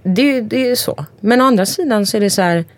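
A woman in her forties, an interview guest speaking bluntly and emphatically, swearing freely and listing things off in quick runs. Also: mid-range voice. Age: 40s. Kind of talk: candid conversation.

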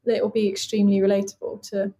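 A woman's voice: medium pitch, flat delivery, fast talker, mellow. Chatty young woman talking openly. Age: late 20s. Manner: chatty, open and earnest, many "like" fillers. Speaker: body casting artist, guest. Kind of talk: casual interview conversation.

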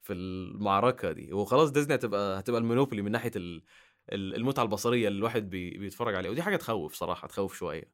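A man from Egypt with an Egyptian Arabic accent, a guest on a podcast, talking in a halting way with many restarts. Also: on the low side, animated. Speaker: guest, YouTuber. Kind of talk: casual podcast chat.

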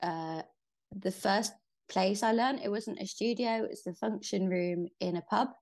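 A woman with a gravelly, creaky edge to her voice, chatting casually as an interview guest. She rambles and thinks aloud, with plenty of fillers and restarts. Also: mid-range voice, a little slow, darkish tone. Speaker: interview guest, pole athlete. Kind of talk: casual conversation.

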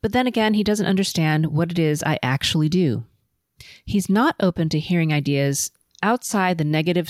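A middle-aged woman from Los Angeles hosting a solo podcast, telling her life story in a measured, composed, prepared way. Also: low-pitched, no room sound, studio quality. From Los Angeles, USA. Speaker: podcast host. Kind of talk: autobiographical solo podcast narration.

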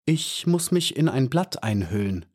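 A gentle male flower elf from a fairy-tale storybook, earnest and kind , as a male narrator puts him on. He speaks patiently, his voice raised a little above the reader's usual tone. He sounds warm and serious, never mocking. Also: mid-range voice, sing-song, a little slow, husky, voice pushed up.

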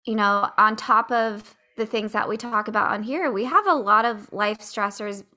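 A woman's voice: mid-range voice, moderate pace, bright, forceful tone. A woman hosting a podcast in casual, candid, very informal conversation. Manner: informal, candid, mild swearing. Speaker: podcast host.

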